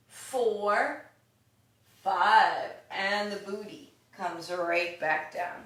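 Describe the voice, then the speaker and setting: A woman leading a yoga exercise class with slow counted cues, upbeat and encouraging, with the hiccups. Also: mid-range voice, a bit bright. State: has the hiccups. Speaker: yoga instructor. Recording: echoey room, voice from a distance.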